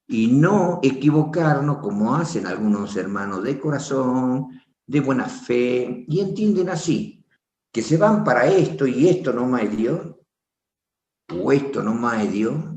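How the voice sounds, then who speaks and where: Animated man teaching scripture. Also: medium pitch. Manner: animated, preacherly, addresses listeners directly. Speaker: Bible teacher. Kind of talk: Bible study class. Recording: roomy echo.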